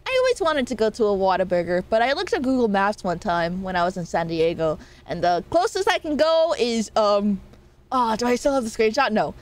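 This young woman is a VTuber streamer with a nasal, mid-range voice that is very animated. She chats casually and playfully with her viewers, rambling along with quick laughs and some swearing.

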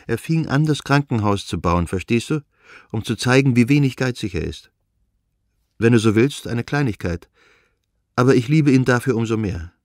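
A man's voice: medium pitch, darkish tone, dry recording, studio quality, close to an everyday voice. A male reader voicing Anna, a young noblewoman who talks eagerly and tenderly about her own happiness, in an audiobook reading.

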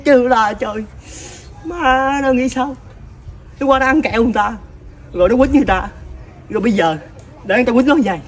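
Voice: mid-range voice, fairly quick, pauses often, close to an everyday voice. Comedy skit: an adult as a hot-tempered older relative, Southern Vietnamese accent, exasperated and scolding. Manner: loud exasperated scolding, repeated sighing exclamations.

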